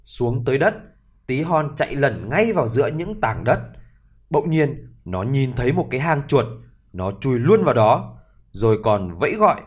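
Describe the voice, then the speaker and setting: A man narrating a fairy tale for listeners in a lively, expressive reading voice. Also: mid-range voice, normal speed, breathy edge. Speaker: storyteller.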